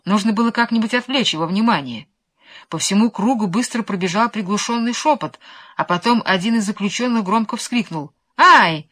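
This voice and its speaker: A woman's voice: medium pitch, a little fast. Woman reading a fairy tale aloud. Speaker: storyteller. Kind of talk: expressive storybook reading.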